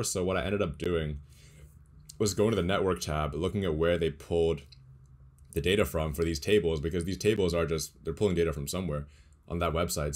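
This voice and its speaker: A young man casually walking through his data science project on a screen share, explaining as he goes with small restarts. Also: deep voice. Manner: relaxed, explanatory, thinks aloud with small restarts. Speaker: data science tutorial creator.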